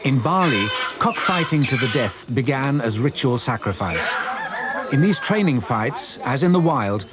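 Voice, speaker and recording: Male narrator for a nature documentary: mid-pitched, measured and serious, with loud animal and outdoor sound behind the voice. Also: expressive, heavy background noise.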